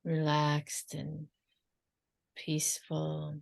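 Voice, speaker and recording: A woman channelling in a trance like a seance medium, in halting, drifting phrases with long silences and a creaky, low voice. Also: completely flat delivery, a little mellow.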